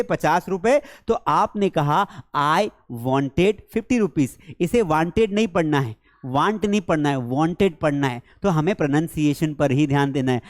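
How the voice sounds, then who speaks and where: A man with an Indian accent teaching spoken English. He explains step by step, asks his own questions, answers them, and says the English examples slowly. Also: on the high side. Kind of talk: spoken English lesson in Hindi.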